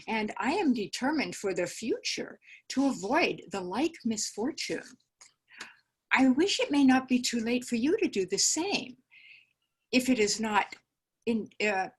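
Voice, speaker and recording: A woman reading Lady Williams, prim and husky. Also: medium pitch. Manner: measured, prim, lecturing. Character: cool, composed genteel older lady giving advice. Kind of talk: dramatic reading over a video call. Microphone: video call.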